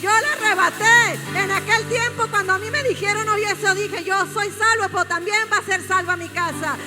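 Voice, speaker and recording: Woman pastor, very high voice, fervent preaching style, reverberant sanctuary. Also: steady tone, brisk. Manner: fervent preaching, rising to shouts and calling out to the congregation. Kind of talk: sermon. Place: church sanctuary. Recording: long hall reverb with faint music.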